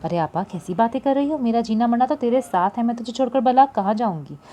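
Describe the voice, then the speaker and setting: A woman's voice: fairly high pitch, lively intonation, fast, mellow, pitched above the performer's own voice, close to an everyday voice. A woman voicing a loyal, blunt-talking companion who consoles her friend in an audiobook. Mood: consoling.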